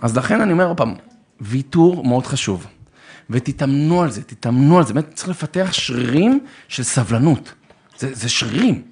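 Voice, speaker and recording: A man giving theatrical, animated advice on marriage, acting out arguments and calling listeners brother. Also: mid-range voice, slightly rough. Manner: theatrical, acts out both sides of arguments, bursts into shouts; addresses listeners warmly as brother. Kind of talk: animated religious talk on relationships.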